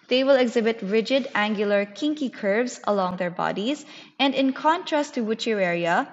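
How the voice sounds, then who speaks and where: A woman lecturer explaining material to her class in a scripted, teacherly slide lecture. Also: medium pitch. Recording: muffled, reverberant narrated slide recording.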